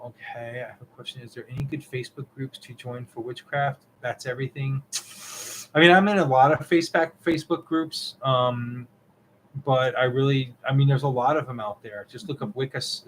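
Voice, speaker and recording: A young man in a casual live stream Q&A, reading out viewer messages one after another. His voice sits at an ordinary middle pitch, and he rambles with plenty of ums. A faint hiss runs under it. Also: steady tone, fairly quick, rough recording. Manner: rambling, reads chat messages aloud, many ums. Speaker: co-host of a witchcraft live stream.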